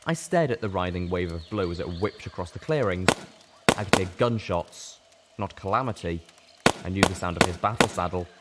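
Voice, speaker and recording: In a clearly noisy recording, a man with a low, animated voice reads a fan fiction story aloud at normal speed. His narration is intense and theatrical, like a dramatic audiobook.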